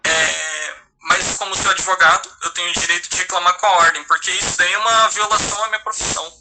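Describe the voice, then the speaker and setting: A man's voice: sits high, fairly even intonation, music in the background. Hesitant Brazilian man in his thirties. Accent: Brazilian Portuguese. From Paraná, Brazil. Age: 30s. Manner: halting, many restarts and hesitations. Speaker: lawyer and guest speaker. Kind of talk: personal testimony. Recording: noisy line with clicks.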